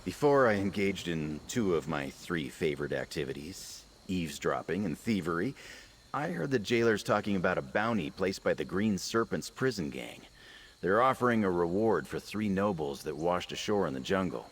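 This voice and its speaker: Sly rogue spy for a fantasy game: deep, very animated, playful and conspiratorial. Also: male voice, normal speed, a little hiss or hum. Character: sly, cheeky male thief and spy in disguise. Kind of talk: video game character dialogue.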